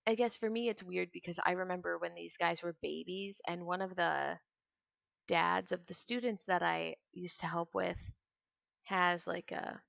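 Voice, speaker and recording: Here a woman in her twenties talks loosely and ramblingly as she plays a video game on stream, occasionally trailing off to mutter to herself. Her lowish, creaky, slightly bright voice keeps a steady tone and moderate pace, captured in clean studio sound with no echo.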